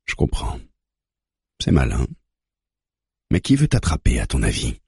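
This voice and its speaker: A calm, gentle psychologist asking patient questions, played by a man. The voice drops lower than the reader's own very deep, husky tone and is heard dry and close. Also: a little slow, no echo, full character voice. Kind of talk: audiobook dialogue reading.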